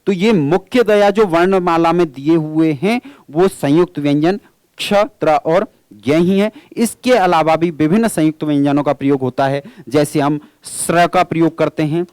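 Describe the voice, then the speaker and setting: A man's voice: fairly high pitch, a little mellow, smooth, dry recording. A male teacher giving an exam-prep grammar lecture. He asks questions and answers them himself, and he calls his listeners friends.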